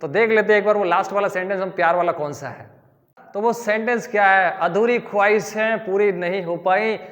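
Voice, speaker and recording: High-voiced Indian man teaching English. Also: a bit bright, long reverb tail. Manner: addresses viewers as dear children, drills sounds by repeating them. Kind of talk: spoken English lesson.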